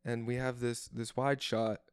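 In a casual film discussion, this co-host walks through the scenes with his fellow host, going into detail on shots and framing. His mid-range voice is smooth with little pitch movement and a slightly slow delivery, captured in a dry recording.

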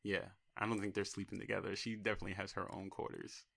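This man has a low voice with a forceful, sharp edge. He chats casually about a movie and pushes back firmly when he finds something unsatisfying, with clicking sounds in the background. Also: flat delivery, fast, creaky. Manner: critical, emphatic when objecting.

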